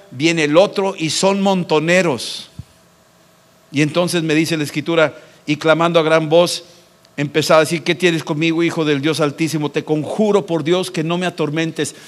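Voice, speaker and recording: A male pastor preaching a sermon, swinging between loud emphatic declarations and soft, hushed reassurances. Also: on the high side.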